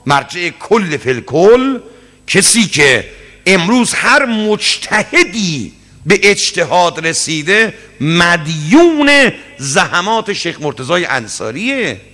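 Dramatic preacher man in an echoing hall. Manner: dramatic, swings from loud high peaks to low murmurs, acts out dialogue. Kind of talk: sermon storytelling. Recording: long hall reverb.

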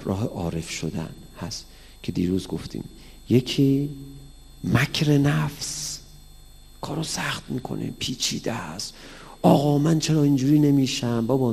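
A man giving an animated religious lecture as a cleric, acting out short dialogues. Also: medium pitch. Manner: animated, acts out dialogues with raised voice. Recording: gravelly voice in a reverberant hall.

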